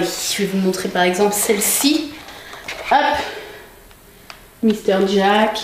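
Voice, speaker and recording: A young woman chatting casually in a vlog, showing things to the camera with many fillers and restarts. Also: medium pitch. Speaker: vlogger. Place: room at home. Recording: echoey room with faint noise.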